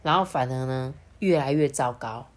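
A woman reading a children's storybook aloud, talking warmly and directly to young listeners. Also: a bass voice, normal speed. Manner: animated, talks directly to children.

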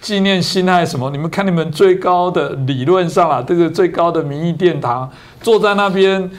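A male talk show host who speaks in an animated, sarcastic way and presses his points hard. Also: sits high, moderate pace. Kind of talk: political talk show chat.

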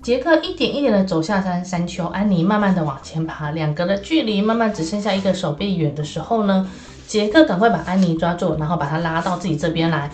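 Animated woman telling a children's story. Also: lowish voice, quick pace. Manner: lively, animated, with many fillers. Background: soft background music.

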